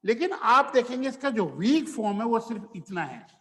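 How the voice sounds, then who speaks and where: A man, teaching pronunciation in a slow classroom lecture that stretches out the example words. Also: very high voice, big pitch swings, bright, forceful tone, long reverb tail.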